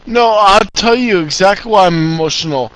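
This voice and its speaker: A man calling into a voice chat room, speaking in a slow, rambling, grandiose way. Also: high-pitched, lively intonation, a bit bright, rough recording.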